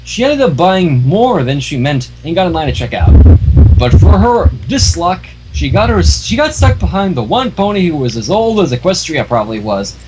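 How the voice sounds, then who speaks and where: Over a noisy home livestream mic, a man reads a fan story aloud informally, tossing in offhand comments of his own. His voice is fairly high and sing-song, moving at a moderate pace.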